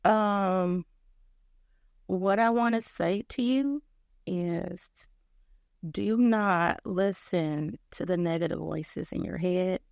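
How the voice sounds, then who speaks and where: A woman sharing her personal story of faith and health as an interview guest, telling it in an animated, faith-filled way. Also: fairly low pitch, slow pace, gravelly, dry recording, studio quality. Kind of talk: personal testimony in casual chat.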